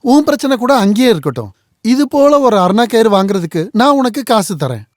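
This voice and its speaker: A gruff older boss. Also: male voice, sits high, big pitch swings, brisk, no echo, studio quality. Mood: irritated. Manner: gruff, barking orders. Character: older male landowner boss, gruff and impatient. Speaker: dubbed film actor. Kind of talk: dubbed film dialogue.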